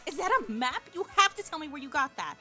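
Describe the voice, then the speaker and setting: A woman's voice: high voice, sing-song, fast talker, pushed and bright, soft background music, full character voice. A woman voicing a perky, sassy young mushroom-creature student from a video game, gushing and slangy. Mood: excited. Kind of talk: video game character read-aloud.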